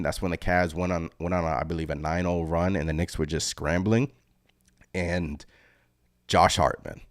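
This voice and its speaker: Deep-voiced excitable man. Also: no echo, studio quality. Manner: excited and rambling, reads chat comments aloud. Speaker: sports fan channel host. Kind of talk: live-streamed postgame reaction.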